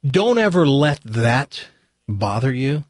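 A man hosting a radio show, rambling casually and bluntly in a husky voice. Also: mid-range voice, sing-song, a little slow, no room sound, studio quality. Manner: blunt, direct. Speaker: radio morning show host.

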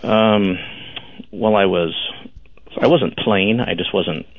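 Crackly phone caller, very low gravelly man. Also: takes it slowly. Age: 50s. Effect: crackling, distorted phone line. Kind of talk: casual call-in chat.

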